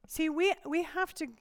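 A woman's voice: very high voice, in a large hall. A woman preaching a conversational sermon with humor, often asking the congregation questions.

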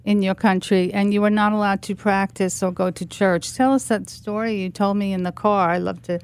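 A woman's voice: medium pitch, fairly even intonation, fairly quick, darkish tone, clear, resonant tone. A woman hosting a radio interview, who asks friendly, leading questions. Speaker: radio show host.

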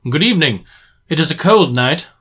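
Man playing a cool, shrewd gentleman detective. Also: a little high, expressive, husky, heavily acted. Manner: cool, measured, dryly confident.

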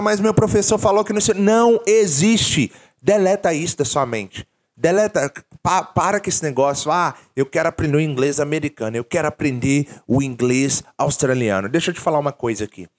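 A young Brazilian man with a slightly high voice talks straight to his viewers in a casual vlog. He leans hard on key words, repeats them for effect and swings his pitch up and down as he makes his point. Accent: Brazilian Portuguese. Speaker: English teacher YouTuber. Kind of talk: casual energetic vlog talk.

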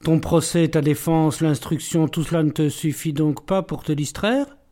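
A skeptical old police inspector voiced by a man in an audiobook. He speaks bluntly and with a dry, ironic edge. The tone is mellow and somewhat high. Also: fairly even intonation, moderate pace, lightly acted.

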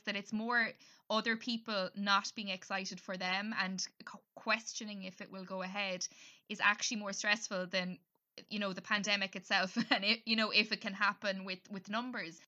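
Bright-voiced woman interviewer, muffled audio. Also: mid-range voice. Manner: supportive, many short agreeing murmurs. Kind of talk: casual interview.

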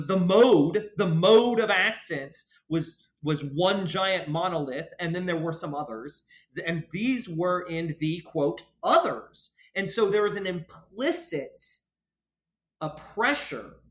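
A man talks through a research paper in a slightly raised voice, halting often as he searches for his words. The recording is roomy and echoey, with the room clearly audible around him. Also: on the high side. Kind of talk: casual discussion of a research paper.

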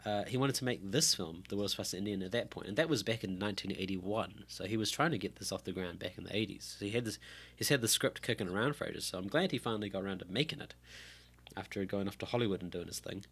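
Fast, husky New man. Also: fairly low pitch, a bit bright. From New Zealand. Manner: rambling, laughs often. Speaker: podcast co-host. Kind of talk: casual film podcast chat.

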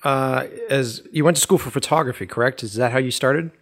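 A man hosting a casual interview. He is a cinematographer and talks in a relaxed way, swearing casually and trailing off mid-thought. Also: mid-range voice, a little fast. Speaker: host, cinematographer.

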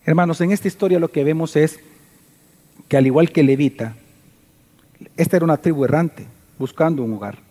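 A man preaching a sermon as pastor, retelling a story with animated energy and asking the congregation questions. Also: on the high side, fairly quick, long pauses. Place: church hall. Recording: reverberant hall.

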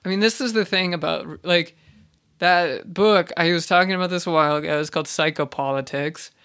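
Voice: medium pitch, a little fast, fairly bright tone, clear, resonant tone. A speaker in a loose solo rant, exasperated and swearing freely. The speech keeps circling back on itself with fillers and restarts. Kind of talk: casual ranting monologue.

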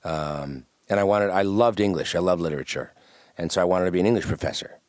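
A man's voice: low voice, quick pace, dry recording, clean studio sound. A man talking as a guest musician in a casual interview, rambling and restarting as he tells stories. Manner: relaxed, rambling storyteller with many restarts.

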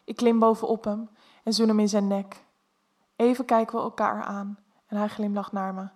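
A woman reading an erotic story aloud in a soft, intimate first-person narration. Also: medium pitch, little pitch movement, normal speed.

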